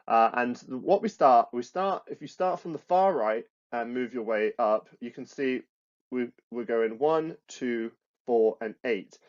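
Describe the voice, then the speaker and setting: A man's voice: medium pitch, highs cut off. A man with a British accent teaching computer science to students over slides, explaining step by step with frequent restarts and fillers. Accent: British English. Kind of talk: recorded classroom lesson with slides.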